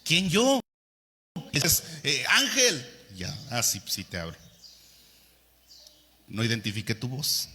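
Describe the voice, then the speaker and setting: Male pastor, lively sermon delivery, bright slightly high voice, slow and deliberate pace, long hall echo. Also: slight background noise. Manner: animated preaching, swinging between soft and loud.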